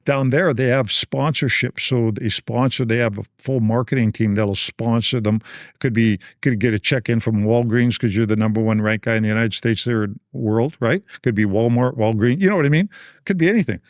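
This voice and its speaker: A man in his sixties from Canada, a guest telling animated anecdotes in a casual interview and acting out other people's lines. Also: mid-range voice, brisk, dry recording, studio quality.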